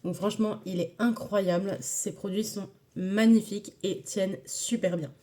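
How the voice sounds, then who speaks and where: A woman's voice: mid-range voice, steady tone, normal speed, mellow. A woman casually talking viewers through a makeup tutorial, chatty and enthusiastic, with frequent hesitations. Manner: chatty, filler-heavy, enthusiastic about products.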